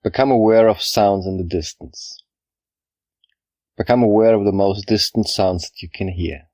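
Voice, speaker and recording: Man, low voice, calm guided meditation delivery, measured instructions with pauses, dry sound. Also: dry recording. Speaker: yoga nidra guide. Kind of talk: guided meditation, scripted narration.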